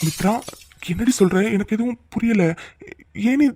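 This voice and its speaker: A man voicing a doting young man in a cartoon love story, teasing and then gently comforting his crying sweetheart. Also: high voice, moderate pace, a little hiss or hum, pitched above the performer's own voice, close to an everyday voice. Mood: coaxing. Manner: coaxing, affectionate and teasing. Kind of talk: cartoon voice acting.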